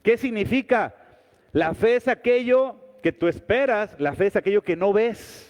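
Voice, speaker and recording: A man preaches from the pulpit in a high voice, taking his time over each line. He builds repeated refrains and rises suddenly for emphasis. The sound is dull and carries a long echo from a church hall. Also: a little mellow. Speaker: pastor. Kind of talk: sermon.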